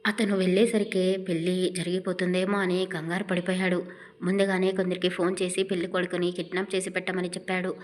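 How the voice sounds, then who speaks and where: A woman's voice: fairly low pitch, little pitch movement, fast talker. A woman narrating a romantic audio story in an emotive, dramatic way. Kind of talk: scripted narration.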